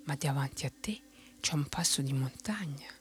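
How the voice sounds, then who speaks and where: A woman voicing a cunning male traveler in whispered role-play, in a soft unvoiced whisper. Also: rumbling low, lively intonation, moderate pace. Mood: calm. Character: cunning male traveler who tricks people.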